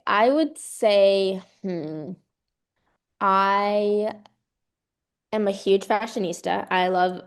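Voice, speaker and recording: A woman's voice: medium pitch, drawn-out words, long pauses, clear, resonant tone. A young adult woman, a college gymnast, speaking in an earnest, effusive and emphatic way as the guest in a casual interview.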